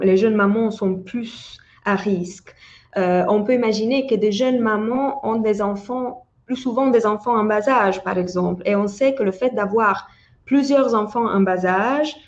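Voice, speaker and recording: A woman from Italy speaks French with an Italian accent in a mid-range, darkish voice at a measured pace, and the sound is lo-fi. As an expert on parental burnout, she explains her research in a webinar, often restarting and hesitating.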